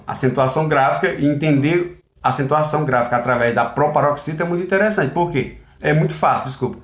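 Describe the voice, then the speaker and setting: A man's voice: high-pitched, roomy sound. A Brazilian man teaching a recorded class in a conversational way, asking and answering his own questions.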